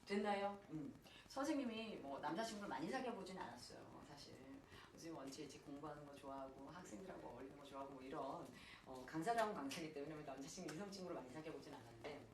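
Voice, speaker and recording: A woman in her thirties teaching chemistry to high school students, mixing the lesson with a personal story and often asking questions that she answers herself. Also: slight background noise. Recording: echoey room, far from the mic, faint ambience.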